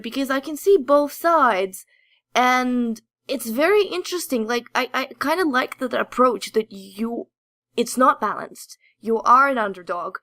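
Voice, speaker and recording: Recorded in clean studio sound with no echo, a woman with a fairly high, slightly bright voice co-hosts a podcast. Her casual talk about games is hesitant and wanders.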